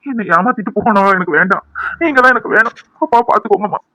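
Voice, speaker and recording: A man's voice: high-pitched, fast, sharp tone, no room sound, low-quality recording. A man voicing a devoted grown son in a cartoon, pleading and reassuring his mother. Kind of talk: cartoon voice acting.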